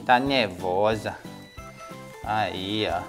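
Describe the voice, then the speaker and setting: A woman's voice: very deep voice, drawn-out words, faint music behind. A Brazilian woman soothing and coaxing her nervous dog through a bath, with sighs and exclamations. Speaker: pet owner vlogger. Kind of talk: casual talk while bathing a dog.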